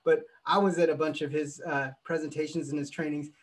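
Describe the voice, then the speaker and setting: A man's voice: on the high side, level tone, fairly quick. A man hosting a podcast interview, talking eagerly and repeating himself. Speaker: podcast host. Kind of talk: casual interview.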